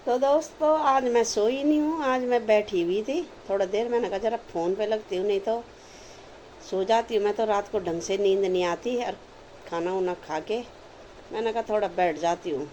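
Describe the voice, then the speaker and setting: A woman's voice: mid-range voice, normal speed, a little mellow, a little hiss or hum, rough recording. A woman chatting homely to her viewers in a casual home cooking vlog. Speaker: lifestyle vlogger.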